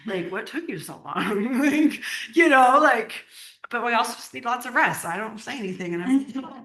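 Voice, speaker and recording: A woman's voice: a little high, pushed and bright. A woman teaching a small group in a casual, chatty way, laughing often and using many fillers. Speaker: workshop teacher. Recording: echoey room.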